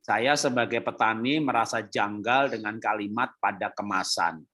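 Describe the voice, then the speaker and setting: A man's voice: lowish voice, moderate pace, sharp tone. A man hosting a webinar, reading out audience questions to his guest in an informal, joking way. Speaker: webinar host. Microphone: video call.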